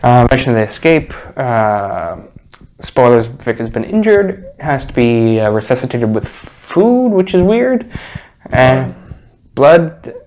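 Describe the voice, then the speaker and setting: A man's voice: medium pitch, very animated, slow, a little mellow. A man with an ordinary mid-range voice runs a casual movie chat. He teases his co-host and jokes his way through the plot summary. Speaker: podcast co-host.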